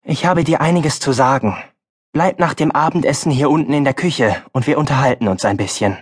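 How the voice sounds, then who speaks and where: A man's voice: mid-range voice, brisk, husky, lightly acted. A male audiobook narrator voicing a farm boy's stern, wise mother, speaking firmly and earnestly. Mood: gentle. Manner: firm, earnest, then softer.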